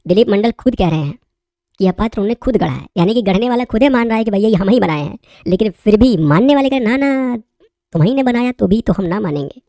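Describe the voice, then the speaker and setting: A woman's voice: medium pitch, warm tone, dry recording, studio quality. A woman commentator reading out social media posts and remarking on them in a chatty way, talking straight to her viewers. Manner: chatty, addresses viewers directly as brother.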